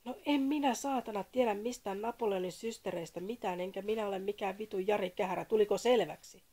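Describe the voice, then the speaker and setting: A woman's voice: on the low side, creaky, darkish tone. A woman voicing an irritated middle-aged man who poses as a radio psychiatrist in a read-aloud story, blunt and exasperated. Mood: shouting.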